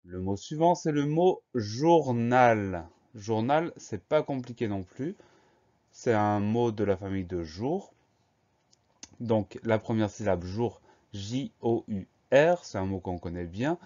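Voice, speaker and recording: A man's voice: on the low side, expressive, a little slow, warm tone, highs cut off. A man teaching a spelling lesson, patiently spelling each word out letter by letter.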